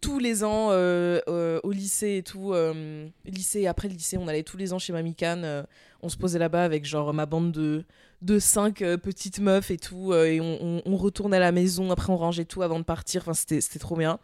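A woman's voice: lowish voice, fairly even intonation, brisk, dark tone, smooth, no room sound. Chatty young Parisian woman, dry sound. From Paris, France. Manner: chatty, rambling with many fillers and restarts. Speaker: guest singer. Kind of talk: casual podcast chat.

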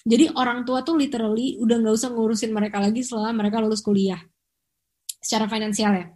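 A young woman, co-hosting a podcast in casual, animated chat. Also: fairly high pitch, fast. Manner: chatty, animated storytelling with Jakarta slang. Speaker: podcast co-host.

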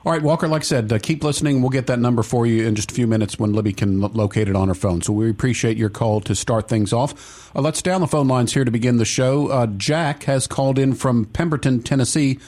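A man with a medium-pitched voice hosts a phone-in. He talks quickly and casually, moving callers along. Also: darkish tone. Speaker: radio phone-in host. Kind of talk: casual hosting of a call-in show.

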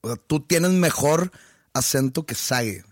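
A man's voice: fairly high pitch, lively intonation, measured pace, no room sound, studio quality. A man chatting casually, teasing and challenging his co-host with crude slang. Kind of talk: casual chat.

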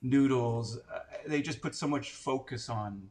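A man's voice: mid-range voice, a little slow, darkish tone, slight background noise. Rambling man in his forties from Canada. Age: 40s. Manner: rambling, filler-heavy storytelling. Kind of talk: casual chat.

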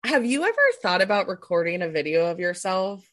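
A woman's voice: on the low side, animated, fairly quick. A woman in her thirties co-hosting a podcast, chatting casually and with bubbly energy. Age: 30s. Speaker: podcast co-host. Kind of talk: casual chat.

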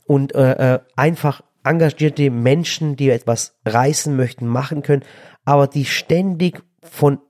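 A man's voice: mid-range voice, unhurried, a little mellow. Earnest father ranting on a podcast. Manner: earnest, ranting, many restarts and fillers. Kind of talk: casual chat.

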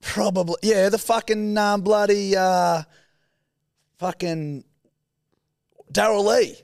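A man's voice: high-pitched, steady tone, slow pace, vocal fry, a little mellow, smooth, no room sound. Aussie guy podcast host, blokey and sweary, chatting casually in a dry room. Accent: Australian. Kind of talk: casual banter.

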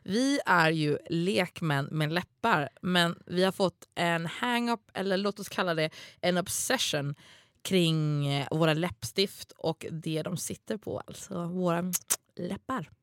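A woman with a Stockholm accent co-hosts a podcast in a slightly low voice. She chats informally and playfully, in a babbling way. The recording is close and dry. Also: a bit bright, dry recording. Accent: Stockholm Swedish. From Småland, Sweden. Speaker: podcast co-host. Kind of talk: casual podcast chat.

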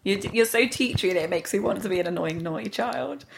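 A woman with vocal fry, bantering casually as a podcast co-host. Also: medium pitch, brisk, heavy background noise.

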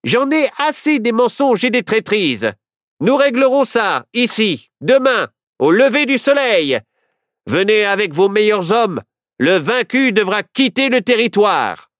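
A suspicious, blustering sheriff from a children's story barks commands in a raised, high voice, played by a storyteller. The sound is close and dry with a lively, bouncing pitch. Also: slow, no echo. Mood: commanding. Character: gruff middle-aged sheriff, suspicious and short-tempered.

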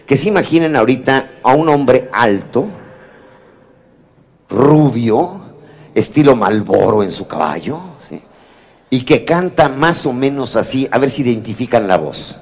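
A man's voice: medium pitch, expressive, measured pace, a little mellow, breathy edge. A man delivers a motivational talk to a live audience. His tone is playful and teasing, and he keeps addressing the listeners directly. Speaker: motivational speaker. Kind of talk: humorous lecture to a live audience.

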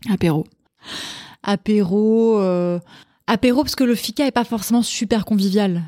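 A woman's voice: mid-range voice, normal speed, no echo, clean studio sound. A middle-aged woman from Sweden, a podcast guest and cookbook author, chatting casually and with enthusiasm. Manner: enthusiastic, animated storytelling. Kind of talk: casual chat.

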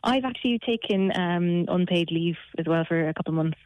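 A woman's voice: fairly low pitch, a little fast, no room sound, narrow, tinny audio. A woman in her thirties with a west of Ireland accent, chatting matter-of-factly as a caller on a radio phone-in. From Galway, Ireland. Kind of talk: casual personal account on talk radio.

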